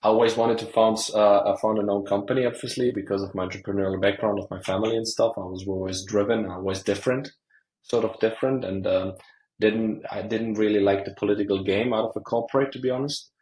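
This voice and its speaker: A middle-aged man from Croatia, a startup founder, answering interview questions in a halting way with many fillers. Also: fairly low pitch, fairly even intonation, a little mellow, roomy sound, rough recording.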